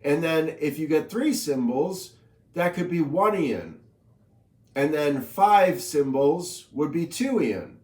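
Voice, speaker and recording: Male inventor-explainer with a slightly high voice, unhurried and teasing, runs through lists of made-up words, roomy echo. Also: sing-song, a little mellow. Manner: playful, teasing; recites long lists of coined number words. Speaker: inventor explaining his number system. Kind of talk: casual spoken explainer.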